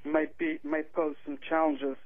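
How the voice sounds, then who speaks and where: Over a tinny, dry phone connection, a Moroccan author and Arabic teacher takes part in a radio interview. His voice is a little high and level, and his pace a little slow. He is well-spoken, yet his speech carries hesitant fillers.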